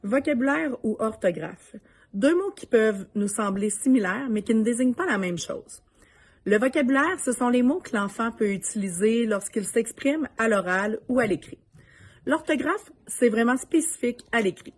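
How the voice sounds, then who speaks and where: Calm woman narrating parenting tips. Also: a little high, normal speed. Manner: calm, instructive, advising parents. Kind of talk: scripted narration.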